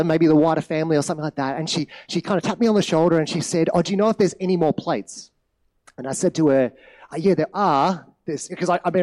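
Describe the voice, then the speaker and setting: A man's voice: on the high side, dark tone. A man giving a sermon in a chatty storytelling way, with many fillers. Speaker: preacher.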